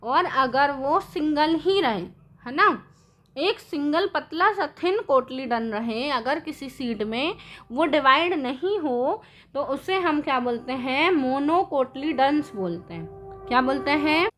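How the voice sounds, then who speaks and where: Woman teacher, high and bright, quizzing her class in a lesson. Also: lively intonation, slow. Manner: asks the class questions and answers them herself; mixes English terms into Hindi. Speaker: science teacher. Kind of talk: classroom lesson explaining with drawings.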